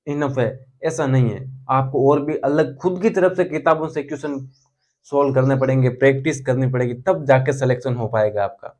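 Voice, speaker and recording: A man's voice: on the high side, a little mellow. A young man teaching physics in a casual, chatty lecture style, speaking terms and repeating key words for his students.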